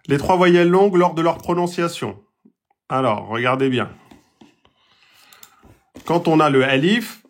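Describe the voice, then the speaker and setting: A man teaching pronunciation in a patient lesson, repeating points, checking with his students and sounding out vowels himself. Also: medium pitch. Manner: demonstrates vowel sounds aloud. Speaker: Quran recitation teacher. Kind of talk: slow, patient explanatory lesson.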